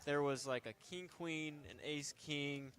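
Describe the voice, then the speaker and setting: A man's voice: a little high, steady tone, a little slow, a bit bright. A young man casually commentating a poker game on a stream, joking and rambling with fillers.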